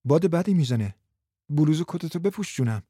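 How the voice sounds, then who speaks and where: A man voicing a determined, scheming young wife who speaks in a hushed, coaxing way. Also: a little high, expressive, slightly rough, no room sound, clean studio sound.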